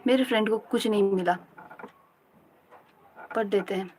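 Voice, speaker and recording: Slow-drilling Indian student woman. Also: medium pitch, a little mellow, a little hiss or hum, low-quality recording. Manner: repeats notes aloud in slow drills, then chats fast in mixed Hindi and English. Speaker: student livestreamer. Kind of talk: study-with-me live stream, reciting notes and chatting with viewers.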